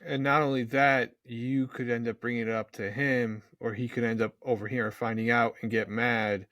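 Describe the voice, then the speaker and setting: A man's voice: medium pitch, flat delivery, normal speed, fairly bright tone, no echo. A man hosts a conversational interview, reflecting aloud on his guest's story. His voice sits in the middle range and is recorded dry and close.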